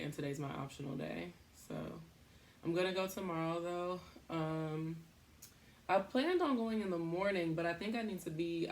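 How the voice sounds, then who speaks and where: A young woman hosting a podcast, talking in a casual, rambling way, thinking out loud and laughing at herself. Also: lowish voice, slight background noise. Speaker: podcast host.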